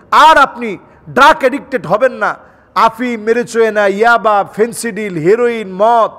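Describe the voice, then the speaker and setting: A man preaching a sermon with fervor, swinging from loud declamation to soft pleading. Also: sits high. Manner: fervent, rising to shouts and dropping to soft pleading. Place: large hall with audience seated. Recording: long hall reverb.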